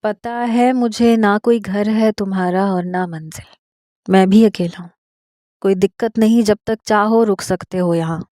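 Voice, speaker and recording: A woman's voice: medium pitch, no echo, studio quality, lightly acted. A woman voicing a kind old imam. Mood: tender. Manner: slow, soothing, gently persuasive. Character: kind old male mosque imam, patient and fatherly.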